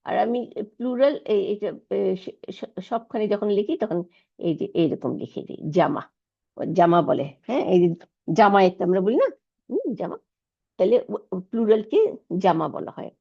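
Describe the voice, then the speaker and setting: A woman's voice: mid-range voice, big pitch swings, normal speed, vocal fry, long pauses. A woman teacher, explaining Arabic grammar step by step in an online lecture, mixing in English terms. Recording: dull lo-fi recording.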